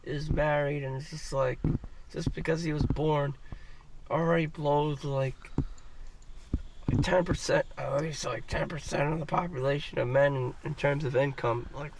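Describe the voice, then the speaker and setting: A man's voice: on the high side, fairly even intonation, unhurried, creaky. A man from the United States ranting on a livestream in a profane, rambling way that keeps repeating itself, recorded on a distant mic with faint noise behind. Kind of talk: casual ranting monologue.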